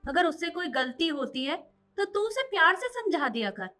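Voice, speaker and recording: A woman playing a stern, shrill scolding mother. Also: big pitch swings, normal speed, pushed and bright, heavily acted. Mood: calm. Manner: scolding, lecturing. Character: stern scolding mother, fiercely protective of her daughter-in-law. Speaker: mother and mother-in-law. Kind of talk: short family drama acting.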